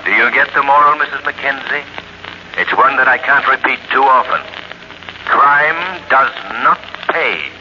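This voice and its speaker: An actor playing a mysterious, calm crime-fighting avenger in a 1930s radio drama, measured and menacing. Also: male voice, mid-range voice. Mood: moralizing. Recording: dull old radio recording with hiss.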